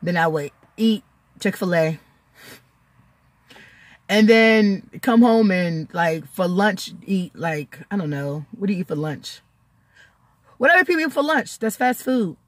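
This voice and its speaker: A woman's voice: fairly low pitch, slow, dry recording. A woman talking casually in a video diary, chatty and close to tears, laughing now and then. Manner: chatty, laughing often, emotional. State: tearful, close to crying. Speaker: vlogger.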